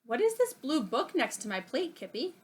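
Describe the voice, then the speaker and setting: A woman's voice: high voice, sing-song, normal speed. A woman voicing a big, friendly, naive bird puppet who is eager to help, in a children's storybook read-aloud. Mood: puzzled.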